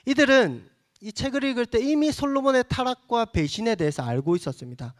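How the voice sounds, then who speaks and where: A man's voice: very high-pitched, animated, a little fast. A male pastor preaching a sermon to young adults, earnest, acting out little asides as he explains the passage.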